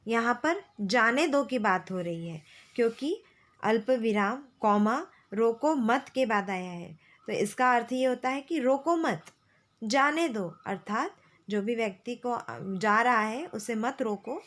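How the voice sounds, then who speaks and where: A woman teacher explaining grammar to schoolchildren, slow and patient, repeating key phrases. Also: on the high side, animated, a bit bright. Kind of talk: classroom lesson explaining grammar.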